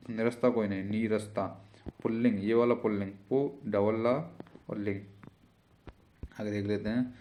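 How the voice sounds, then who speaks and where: A man's voice: lowish voice, a little mellow, slight background noise. A male teacher giving an exam-prep spelling lesson, repeating each word and checking in with "theek hai".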